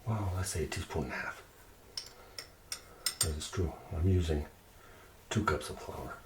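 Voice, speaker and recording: A bass-voiced home cooking host from Quebec, Canada leads an ASMR-style cooking video in his kitchen. He chats unhurriedly and casually, talking to himself and asking viewers questions. The sound is distant-miked and clearly noisy, with clicking.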